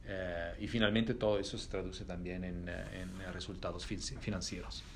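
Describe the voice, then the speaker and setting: A middle-aged man, speaking Spanish as an in an interview as a company executive, thoughtful and pausing often with fillers. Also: low-pitched, fairly even intonation, slight background noise. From Italy. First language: Italian. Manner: thoughtful, pauses with many fillers and restarts. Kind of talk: reflective interview answers.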